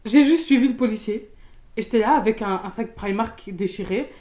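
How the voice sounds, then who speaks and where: A young woman from Belgium, telling a storytime in casual slangy chat, loud and expressive, acting out the people in her story. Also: fairly high pitch, brisk. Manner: casual slangy talk with many fillers.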